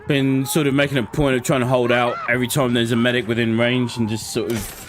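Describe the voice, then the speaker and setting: A man's voice: medium pitch, flat delivery, fairly quick, a little hiss or hum. A man live-streaming a shooter game, chatting casually and swearing bluntly when frustrated. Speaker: gaming livestreamer. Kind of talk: casual chat while gaming.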